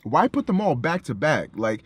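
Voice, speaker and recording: A man co-hosting a casual music review chat, animated and profane, acting out his own reactions. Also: fairly high pitch, moderate pace, slightly rough, no echo. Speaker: co-host of a music review show.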